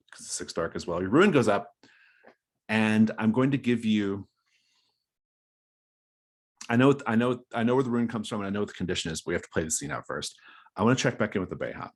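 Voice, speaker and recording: Very deep, slightly husky male game master. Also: lively intonation, a little fast. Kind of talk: running a tabletop role-playing game.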